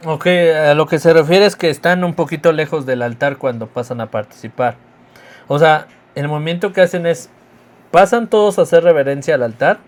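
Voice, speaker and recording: A man with a Mexican accent teaching a course on reading at Mass, explaining clearly and sometimes chanting examples. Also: on the high side, moderate pace. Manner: explanatory, chants sung examples of psalm responses. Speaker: liturgy course instructor.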